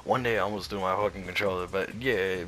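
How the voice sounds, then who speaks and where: A man's voice: low voice, steady tone, fast talker, noisy background. A young man giving competitive gaming tips in casual commentary, rambling and swearing with many restarts, shivering from the cold. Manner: rambling, profane, frequent restarts. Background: faint music.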